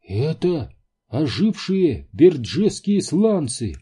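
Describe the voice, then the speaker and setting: A man voicing an excitable young male scientist who speaks eagerly in a raised, squeaky voice. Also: normal speed, slightly rough, heavily acted. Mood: excited.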